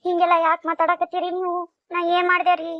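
A woman voicing a gentle, anxious young wife with a North Karnataka accent in a cartoon, pleading and soft-spoken. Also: very high voice, completely flat delivery, fast, no echo. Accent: North Karnataka Kannada. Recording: dry, dull lo-fi sound.

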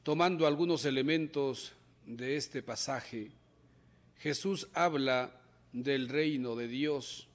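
Young lector reading slowly at a lectern. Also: male voice, mid-range voice. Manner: careful, measured reading aloud. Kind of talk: reading an introduction to the Mass readings. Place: studio chapel set, behind a lectern. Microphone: gooseneck mic on the lectern.

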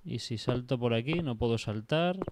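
A man calmly thinking aloud while playing a game, heard from another stream. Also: mid-range voice, moderate pace, background noise. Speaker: gamer in another stream being watched. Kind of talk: game commentary.

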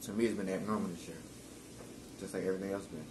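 A man's voice: sits low, steady tone, fast, reverberant, distant mic. A man chatting casually to the camera with his mouth full, rambling with fillers as he reviews food. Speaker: vlogger. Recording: noticeable background noise.

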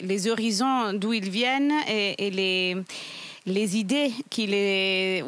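Middle aged woman moderating a panel, foreign accent in french, smooth clear voice, lots of hesitation, pretty dry sound. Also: mid-range voice, a bit bright, dry recording. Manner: hesitant, halting, searching for words. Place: large auditorium stage. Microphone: handheld microphone.

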